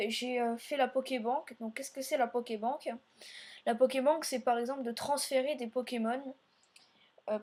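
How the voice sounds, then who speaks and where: A woman with a high-leaning, slightly mellow voice hosts a let's play. She narrates her gameplay in a meandering, filler-heavy way and speaks directly to her viewers.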